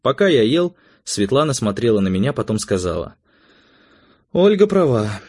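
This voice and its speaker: A man narrating an audiobook in the first person, with an expressive, ironic reading. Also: fairly low pitch, fairly quick.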